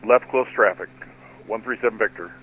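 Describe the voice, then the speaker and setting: Male pilot over the radio, clipped readbacks, slightly low voice, thin phone-like sound, distant. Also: brisk, slight background noise. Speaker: flight sim pilot. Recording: tinny radio transmission from far off.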